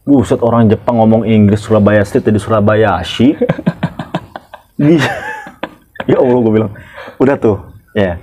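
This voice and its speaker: A man, a security guard telling stories in casual podcast chat, animated and blunt with slang and swearing. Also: fairly low pitch, measured pace, pauses often. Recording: dull lo-fi recording.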